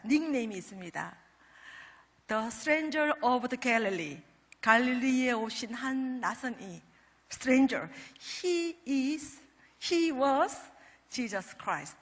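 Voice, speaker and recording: A middle-aged woman, a pastor's wife, telling an animated church testimony and acting out quoted prayers, with English words mixed in. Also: sits high, slow. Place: church sanctuary. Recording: church hall reverb.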